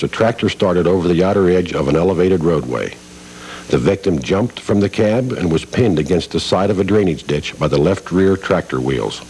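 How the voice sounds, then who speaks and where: Male narrator, very low voice, measured formal read, worn VHS tape copy with faint hiss and hum. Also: a little mellow, rough recording. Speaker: safety video narrator. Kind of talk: scripted narration.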